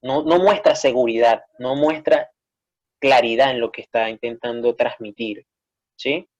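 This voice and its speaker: A man with a Peruvian Spanish accent teaching an online class, explaining step by step and often checking with a quick "¿sí?". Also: mid-range voice, darkish tone, dull audio.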